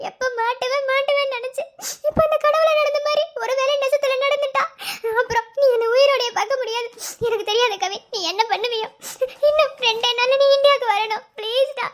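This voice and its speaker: A woman voicing a frightened, pregnant young woman in a cartoon love story, pleading and sobbing through her words. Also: very high voice.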